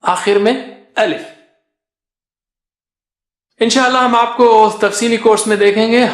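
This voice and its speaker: A man's voice: very high voice, level tone. A man teaching Quran recitation, explaining patiently and chanting letter sounds in a sing-song rhythm. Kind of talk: teaching lesson with chanted drills. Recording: echoey room.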